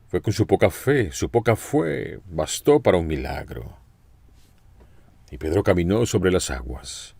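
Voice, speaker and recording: A man's voice: sits low, creaky, darkish tone, no echo. A man preaching a sermon, telling the story expressively and asking his listeners direct questions.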